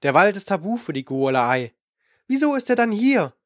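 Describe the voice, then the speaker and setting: Frightened young girl apprentice, high and pleading, anxious questions, as a male reader puts her on. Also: sing-song, moderate pace, no echo, clean studio sound. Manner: anxious, eager, breathless questions.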